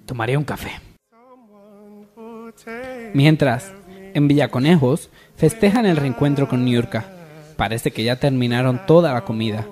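A man's voice: medium pitch, moderate pace, a little mellow. A man narrating a radio soap opera from a script, setting each scene as storyteller.

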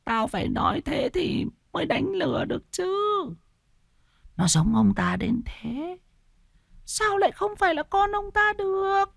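A man's voice: very high voice, animated, measured pace, creaky, a bit bright, no echo, studio quality, heavily acted. A man voicing a vengeful, scheming old village woman who hisses and drops into whispers in an audio storybook. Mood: mocking. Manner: bitter, hissing, swings into whispers.

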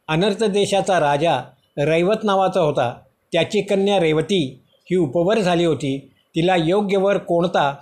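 A man reading a prose rendering of a sacred story in steady, measured narration. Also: on the high side. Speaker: reader of scripture.

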